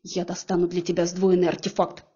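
A woman's voice: on the low side, monotone, brisk, mellow, breathy edge, highs cut off. A woman voicing a horned male demon suitor in an audiobook, speaking breathily and admiringly. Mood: smitten.

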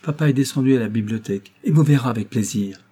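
Man doing a frank impulsive young lady, quick to get indignant, husky mellow tone. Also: medium pitch, natural voice.

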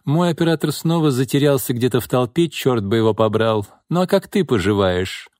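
A man's voice: medium pitch, animated, brisk, darkish tone, dry recording, clean studio sound, voice pushed up, natural voice. A man putting on a sly, gossipy woman reporter. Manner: conspiratorial, sweetly insinuating.

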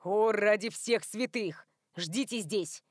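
A woman's voice: no echo, clean studio sound. A woman voicing an exasperated, bossy young man in an audiobook story. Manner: low, slow and curt.

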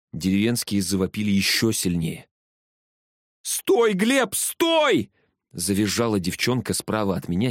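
A man narrating a first-person story with a steady storytelling delivery. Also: fairly low pitch, no room sound, clean studio sound. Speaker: audiobook narrator.

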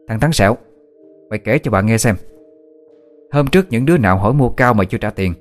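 A man voicing a shrill, cruel middle-aged woman, the wife of a village official, who bosses and threatens the villagers in a told story. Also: lightly acted. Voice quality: shrill, shrieking. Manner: bossy, mocking and threatening.

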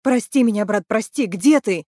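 A woman's voice: on the low side, lively intonation, slow pace, mellow, no echo, studio quality. A woman voicing an agitated male policeman who pleads breathlessly.

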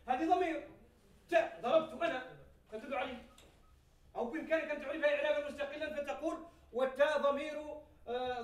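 A man teaches grammar to a class, drilling examples over and over and quizzing his students. His voice sits very high and moves at a brisk pace. He is picked up from a distance, with the room's echo clearly around him. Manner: explains by repeating examples, asks the class questions, laughs now and then. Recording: echoey classroom from far off.

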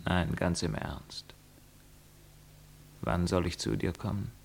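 A man's voice: deep voice, animated, slow, vocal fry, a little hiss or hum, heavily acted. An actor playing a cool, mocking young man who teases his lover, in a classic radio play. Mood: evasive. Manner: mocking, teasing.

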